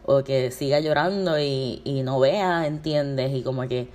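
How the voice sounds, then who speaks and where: A woman's voice: a bass voice, a little slow, a little mellow. A young woman with a Puerto Rican accent, hosting a podcast and venting heatedly in a casual monologue, swearing freely and dropping English words into her speech. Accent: Puerto Rican Spanish. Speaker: podcast host.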